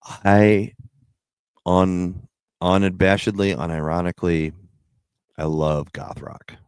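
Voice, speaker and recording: A man's voice: sits low, level tone, takes it slowly, darkish tone, smooth, no room sound, clean studio sound. A man chatting casually as a livestream host, in a rambling, slangy way with some swearing.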